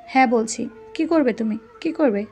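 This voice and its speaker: A woman voicing a stubborn young wife who answers back with sharp, defiant retorts. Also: fairly high pitch, normal speed, soft background music, natural voice.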